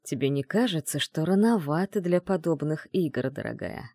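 A man voicing an arrogant male mage mentor who taunts in a calm, low, mocking tone, in an audiobook. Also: moderate pace, no echo, studio quality. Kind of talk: audiobook dialogue reading.

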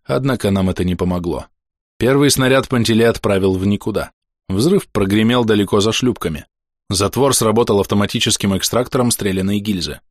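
A man narrating an audiobook in first person, measured and dramatic. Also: fairly low pitch, dry recording, studio quality. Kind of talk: scripted narration.

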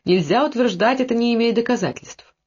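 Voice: mid-range voice, fairly quick, husky, pitched above the performer's own voice, natural voice. A reader voicing a devoted, brave young nobleman who speaks with impassioned earnestness, on a dull lo-fi recording.

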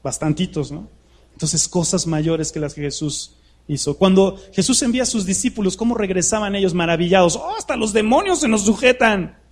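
A man's voice: sits high, animated, brisk. A man preaching to a live congregation, talking conversationally and peppering his sermon with rhetorical questions. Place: church hall with a live congregation.

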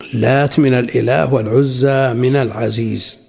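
شيخ رجل بصوت خشن أجش في قاعة. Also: male voice, mid-range voice, steady tone, gravelly, darkish tone, slightly rough. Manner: measured, explanatory, quotes sources then comments. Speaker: Islamic scholar teaching a lesson. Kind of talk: lecture explaining a classical text. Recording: long hall reverb.

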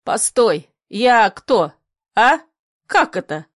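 A woman reading an audiobook, voicing a gruff, bitter old grandfather who grumbles and bursts into shouts in a low voice. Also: lively intonation, measured pace, dry recording, clean studio sound, lightly acted.

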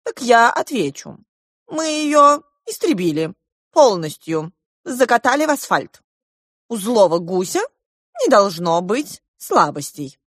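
A woman voicing a bossy, playful male king in a children's audiobook, giving loud commanding proclamations. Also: on the high side, very animated, slow, long pauses, no echo, clean studio sound, pitched above the performer's own voice, full character voice. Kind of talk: audiobook character voice.

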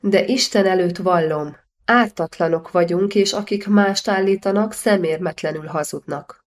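A woman's voice: fairly low pitch, close to an everyday voice. A woman reading an audiobook, voicing a bitter condemned male knight in grave, accusing speech.

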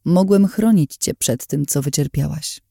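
Brooding regretful young guy, read by a man, very dark mellow voice, dry close sound. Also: fairly high pitch, measured pace, vocal fry, breathy edge, no room sound, exaggerated voice. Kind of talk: audiobook character voice.

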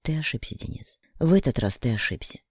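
A man's voice: medium pitch, expressive, a little fast, husky, dry recording, clean studio sound. A man voicing a desperate young woman who pleads and cries out in tears. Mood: bitter. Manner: pleading, tearful, raised voice.

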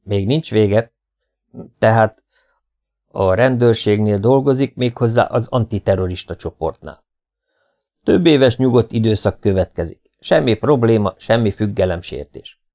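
A man's voice: fairly low pitch, dark tone, muffled recording, close to an everyday voice. A man reading an audiobook, voicing an eager male officer who reads out a report. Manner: eager, announcing.

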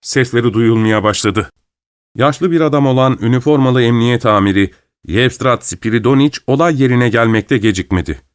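A man narrating a classic short story in an even, measured reading. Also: medium pitch, clean tone, no room sound, studio quality.

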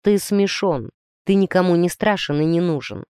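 A woman reading a storybook voicing a calm, firm teenage boy who leads his team and gives stern orders. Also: on the low side, normal speed, clear, resonant tone, dry recording, studio quality. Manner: stern, commanding.

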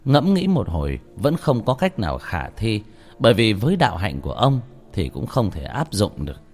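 A man's voice: on the low side, wildly swooping pitch, normal speed, slightly rough. A man narrating a ghost story in a dramatic, suspenseful way. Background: faint music.

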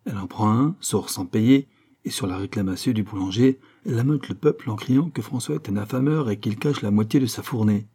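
Husky low-voiced male audiobook narrator. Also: dark tone. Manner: dramatic, measured reading. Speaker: audiobook reader. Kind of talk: scripted narration of a classic novel.

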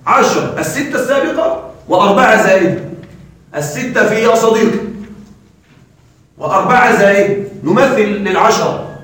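A man teaching grammar in a classroom lecture, quizzing his students with quick questions. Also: high voice. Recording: very echoey room, mic far off.

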